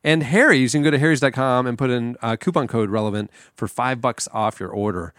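Podcast host, man, late thirties, easygoing banter, mid-pitched voice, dry studio sound. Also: a little fast, fairly bright tone, no echo. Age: 30s. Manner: joking, reads sponsor plugs.

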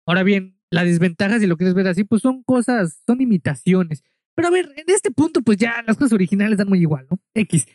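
A man's voice: high voice, very animated, a little fast, darkish tone, no room sound, studio quality. A man from Mexico with a Mexican accent, casually telling a story in a monologue, chatty and full of asides, speaking straight to the listener.

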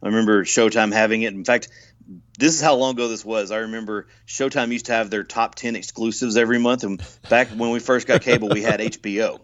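A man's voice: fairly low pitch, fairly even intonation, quick pace, a bit bright, no room sound, lo-fi sound. A man co-hosting a podcast, chatting casually about old movies, recalling trivia eagerly. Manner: enthusiastic, trivia-heavy recall. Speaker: podcast co-host.

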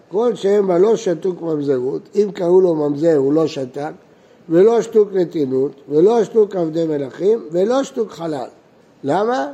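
A man's voice: high-pitched, warm tone, breathy edge. A man teaching a page of Talmud as a rabbi, reading lines aloud and explaining them, often asking questions and then answering them himself. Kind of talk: explaining a text line by line.

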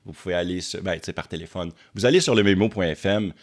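A man's voice: low-pitched, fast talker. A man from Quebec with a Québécois accent, hosting casually and stammering as he repeats words. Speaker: YouTube host. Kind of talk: casual chat.

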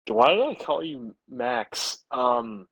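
Lively young man, dry sound. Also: medium pitch, slow, breathy edge, no echo, highs cut off. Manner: lively, stumbling restarts, swears casually. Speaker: podcast co-host. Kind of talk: casual chat.

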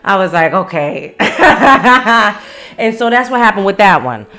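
A woman's voice: mid-range voice, sing-song, unhurried, bright, forceful tone. A woman from the United States hosting a casual storytime monologue, frank and profane, laughing often and acting out quoted voices. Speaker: storyteller host.

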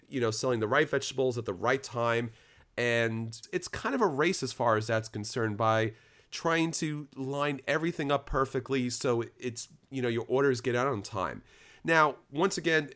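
A podcast co-host chats casually and enthusiastically, often restarting his sentences. His voice is mid-range and a bit bright.

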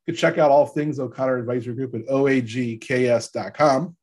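A man with a stuffy, gravelly voice from allergies, hosting a casual sports podcast and informally rephrasing his points as he goes. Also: medium pitch, fairly even intonation, brisk, darkish tone. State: congested from allergies. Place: podcast studio.

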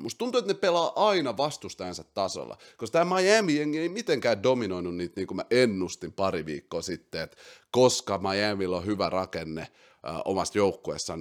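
A man hosting a casual podcast, excitable, swinging between loud outbursts and quiet asides, dropping English slang into his talk. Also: lowish voice. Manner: mixes English slang into speech. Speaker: podcast host. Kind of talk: casual basketball chat.

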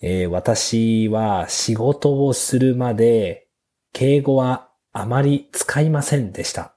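A man hosting a beginners' Japanese lesson podcast, speaking slowly and simply with small fillers. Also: mid-range voice, mellow. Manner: slow, clear teacher's delivery with fillers. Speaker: podcast host teaching Japanese.

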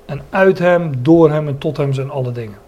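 A man's voice: fairly high pitch, moderate pace, a little mellow, lo-fi sound. A man preaching a Bible sermon, often stopping to search for words and restate a phrase, and explaining the meanings of Greek words.

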